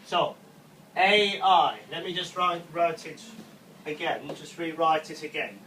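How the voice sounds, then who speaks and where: Slow patient woman drilling phonics. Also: sits low. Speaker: phonics tutor. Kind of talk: phonics lesson for a child. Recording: echoey room, distant mic, steady background noise.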